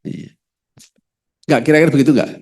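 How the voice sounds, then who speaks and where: A man giving a conversational Quran study lecture in a mosque, telling stories lively and speaking straight to the audience. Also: a little high, brisk. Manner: lively storytelling, talks directly to the audience. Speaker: preacher.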